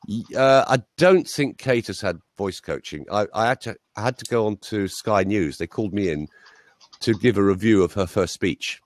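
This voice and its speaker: A man's voice: on the low side, moderate pace, no room sound. A man, a voice coach, telling anecdotes in a casual interview chat over a video call. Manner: lively anecdotal storytelling.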